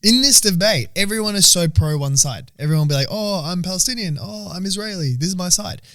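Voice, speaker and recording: A man's voice: sits high, fast talker, bright, forceful tone, no echo, studio quality. A young Australian man co-hosting a podcast in casual, crude banter, swearing and laughing often. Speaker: podcast co-host.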